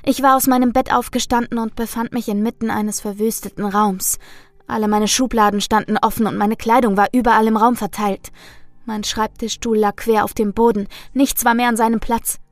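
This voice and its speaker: A woman narrates a first-person ghost story in a measured, suspenseful way. Her voice sits close and dry, with faint music underneath. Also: on the high side, fairly even intonation, dry recording. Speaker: storyteller reading listener stories.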